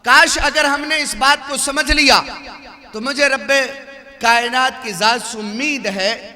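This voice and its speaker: A male preacher delivers an animated sermon and keeps asking the crowd questions. His voice is very high and intensely bright and cutting. A long reverb trails behind every line. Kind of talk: sermon with humorous story.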